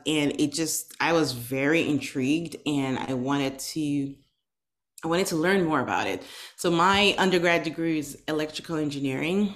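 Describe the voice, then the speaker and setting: Low-voiced nigerian-born woman in her 30s, chatty guest, lots of ums and restarts. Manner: chatty, with many fillers and restarts. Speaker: guest, tech founder. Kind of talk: casual interview chat.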